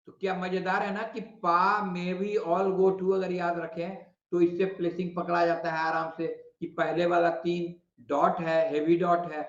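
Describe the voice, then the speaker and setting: A man with a Bihari Hindi accent teaching a shorthand lesson, patiently repeating vowel sounds and explaining slowly. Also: fairly high pitch. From India. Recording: muffled, echoey room.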